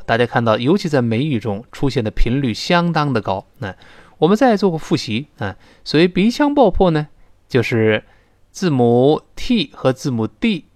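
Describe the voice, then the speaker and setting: Guy teaching english sounds, super expressive pitch, dry close mic. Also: no echo. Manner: explanatory, stretches example words slowly, animated emphasis. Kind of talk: explaining lesson to listeners.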